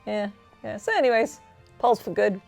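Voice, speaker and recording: A woman's voice: medium pitch, normal speed, vocal fry, soft background music. A woman co-hosting a casual question-and-answer chat, talking in a chatty, giggly way. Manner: chatty, giggly, warm banter. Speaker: co-host.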